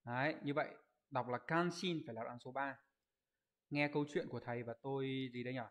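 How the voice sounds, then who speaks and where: A man leads an online Japanese exam review, explaining each answer step by step. He keeps checking in with his students through rhetorical questions. His voice sits at a middle pitch, and he rattles off the viewers' answers in quick lists. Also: steady tone, a bit bright. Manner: reads out viewers' comment answers in a quick list. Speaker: Japanese language teacher.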